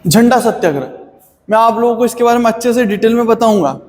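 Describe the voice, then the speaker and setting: A man's voice: very high voice, animated, fast, a little mellow, in a large hall. A man teaching a history lesson in a chatty, friendly way, calling his students "beta". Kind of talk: classroom history lecture.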